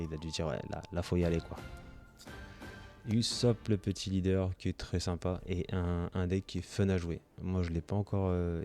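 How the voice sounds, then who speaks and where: A man hosting his own channel, opening trading card packs in casual commentary, reading off card names and gushing with delight over his pulls. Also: low-pitched.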